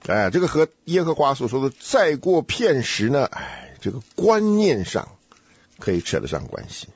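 Man, Bible study host, teasing quizmaster, husky voice, dull dry audio. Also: medium pitch, sing-song, normal speed, no room sound. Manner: teasing, quizzing, laughs often. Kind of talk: casual Bible study chat.

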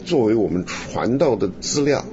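Lively teasing male radio host. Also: on the low side, moderate pace, muffled recording, a crowd in the background. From Henan, China. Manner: lively, teasing, laughs often.

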